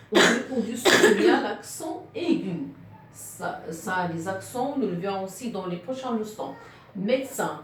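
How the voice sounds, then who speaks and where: A woman teaching French pronunciation to beginners, slowly repeating words and breaking them into syllables. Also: mid-range voice, slight background noise. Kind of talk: phonetics lesson for beginners. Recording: very echoey room, distant mic.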